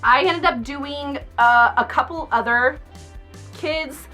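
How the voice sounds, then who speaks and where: A young adult woman, a makeup artist, telling a casual storytime on her vlog in an outspoken, animated way, laughing often. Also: high-pitched, slow pace, faint music behind.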